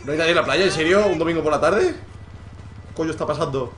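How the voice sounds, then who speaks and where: A young man with a Spain Spanish accent giving live gameplay commentary as a streamer, excitable and joking, swearing freely as he plays. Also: on the high side, a little fast. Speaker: gaming streamer.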